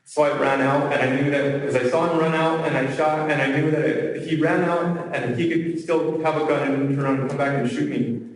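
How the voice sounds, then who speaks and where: A man giving halting courtroom testimony, often repeating himself, recorded from a distance in an echoey courtroom. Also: on the high side, fairly even intonation. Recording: echoey courtroom audio from far off.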